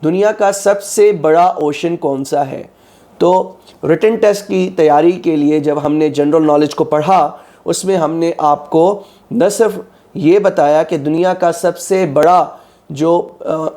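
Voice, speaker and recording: A slightly high, dark-toned male voice at a measured pace belongs to a tutor from Pakistan who is preparing students for exams. His throat sounds a little sore, and his lecture is methodical, with frequent check-ins and a habit of repeating "ठीक है."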